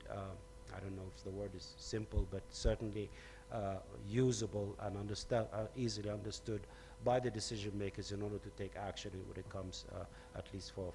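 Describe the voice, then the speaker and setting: Man, fairly low voice, hesitant speech with many uhs, faint hum in the background. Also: dark tone. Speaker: conference speaker. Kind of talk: closing remarks at a conference.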